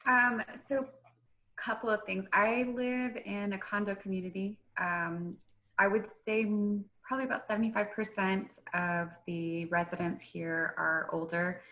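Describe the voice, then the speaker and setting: A woman guest on a video call, talking casually and a bit hesitantly, with ums and pauses. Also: fairly low pitch, a bit bright, poor audio. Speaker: panel guest.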